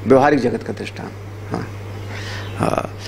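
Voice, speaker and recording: A man's voice: mid-range voice, normal speed, gravelly, darkish tone, slight background noise. A man, a swami, giving a spiritual discourse on yoga scripture, explaining terms and checking with listeners. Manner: explanatory, repeats key terms, asks listeners rhetorical checks; uses everyday anecdotes with acted voices. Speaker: swami teaching yoga philosophy.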